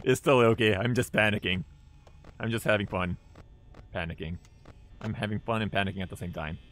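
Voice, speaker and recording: A man's voice: fairly low pitch, unhurried, a bit bright, a little hiss or hum. A man streaming a horror game, panicky and yelping at scares, mixing Japanese and English and putting on overly polite, refined-lady speech. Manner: panicky, shrieks and yelps at scares. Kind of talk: live game stream commentary.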